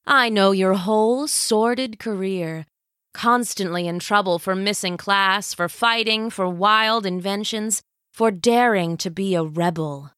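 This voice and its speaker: A woman voicing a shrewd, regal old villainess in armor who speaks slowly and commandingly. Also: mid-range voice, a bit bright, clear, resonant tone, no room sound, clean studio sound, close to an everyday voice. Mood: gloating. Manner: slow, gloating, commanding.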